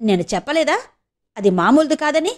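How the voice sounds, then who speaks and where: A woman's voice: high voice, animated, brisk, voice pushed up. A woman doing a fretful old grandmother. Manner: fretful, complaining. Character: fussy worried old grandmother.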